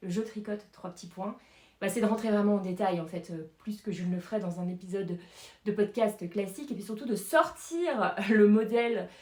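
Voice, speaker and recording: A woman's voice: medium pitch, normal speed, a little mellow, echoey room. A woman chatting casually through a knitting pattern review, hesitant, with many fillers and small laughs. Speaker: knitting vlogger.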